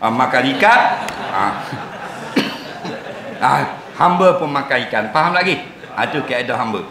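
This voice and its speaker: A man's voice: mid-range voice, animated, a little slow, a crowd in the background. A man giving a jokey mosque lecture, often asking the audience if they understand. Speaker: religious lecturer. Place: mosque hall. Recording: roomy mosque hall sound.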